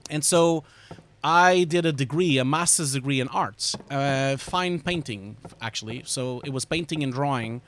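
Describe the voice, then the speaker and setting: A Portuguese visual effects artist of about forty, with a Portuguese accent, hosts a livestream where he games, answers viewers and rambles informally, getting easily distracted and swearing along the way. His voice is on the high side with a fairly bright tone, and there's slight background noise.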